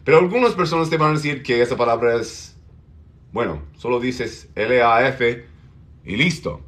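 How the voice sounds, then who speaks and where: A man teaching an English pronunciation lesson, slowly drawing out vowel sounds to demonstrate them. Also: mid-range voice, a bit bright.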